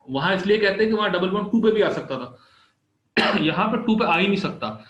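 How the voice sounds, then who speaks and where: A man's voice: on the high side, fairly bright tone. A man giving a recorded chemistry lecture, explaining patiently step by step through on-screen examples. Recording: roomy, slightly dull lo-fi recording.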